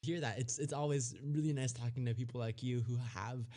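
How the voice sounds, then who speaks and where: A young man hosting a podcast interview, asking questions in a friendly, slightly halting way. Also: medium pitch, fairly even intonation, dark tone. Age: young adult. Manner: friendly, a bit halting, with fillers.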